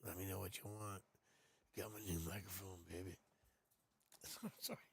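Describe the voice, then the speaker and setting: On his casual live tarot stream, a man talks into a new studio mic in a low, raspy voice. His tone is steady and his pace moderate as he chats playfully and jokes around.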